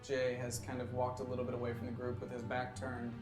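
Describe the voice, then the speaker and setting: A man's voice: medium pitch, monotone, fast talker, roomy sound, music in the background. A man narrating as game master, describing scenes and calling for dice rolls. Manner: narrating, asking players for rolls.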